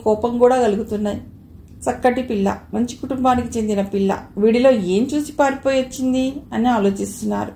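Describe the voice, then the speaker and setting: A woman reads a novel aloud in a steady storytelling voice. Her voice is fairly high yet mellow and warm. The recording sounds roomy, with a faint hiss behind it. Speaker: audiobook narrator. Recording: roomy echo, faint noise.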